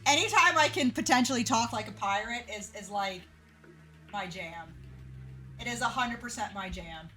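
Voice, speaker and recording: A woman's voice: on the high side, animated, moderate pace, bright, forceful tone, faint music behind. A young adult woman chatting casually with her live stream audience, laughing easily. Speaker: game streamer. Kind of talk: casual livestream chat.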